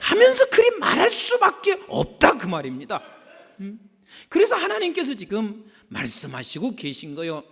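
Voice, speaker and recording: A male pastor preaching a sermon, swinging between hushed asides and shouted declarations. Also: extremely high pitch, wildly swooping pitch, normal speed, vocal fry, husky. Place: church sanctuary. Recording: long reverb from a large hall.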